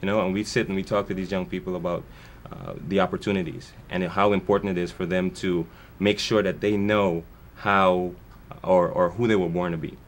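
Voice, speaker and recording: A very low-voiced man from Guyana answers questions as a guest on a morning television show. He talks earnestly in long, winding sentences, often restarting them mid-thought. A faint hiss sits under the voice. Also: level tone, a little fast, hardly any pauses. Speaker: guest, foundation founder. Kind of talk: television interview.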